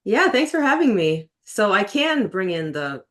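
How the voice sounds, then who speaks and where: A woman from Sweden, a native Swedish speaker, chatting casually as a podcast guest and telling her story in a relaxed way. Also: mid-range voice, unhurried. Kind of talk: casual interview chat.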